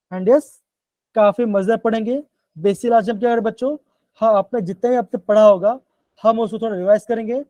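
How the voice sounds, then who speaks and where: A man leads a live online chemistry class and keeps checking in with his students in a coaxing way. His voice is mellow and darker in tone, and it sounds dry and close, as if through a call mic. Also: sits high, no room sound, low-quality recording. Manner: coaxing, repeats "bachchon" and "theek hai". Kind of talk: live online class in Hindi-English mix.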